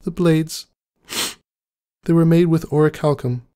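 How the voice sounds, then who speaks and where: A man voicing a grieving young female pony in a high, strained falsetto, tearful and pleading, in a fan fiction reading. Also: fairly even intonation, measured pace, dark tone, smooth, close to an everyday voice.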